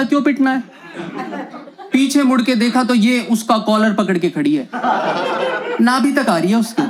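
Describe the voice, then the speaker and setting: A young man performing stand-up comedy, telling a story in an animated way and acting out the quoted lines. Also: very high voice. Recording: loud background noise.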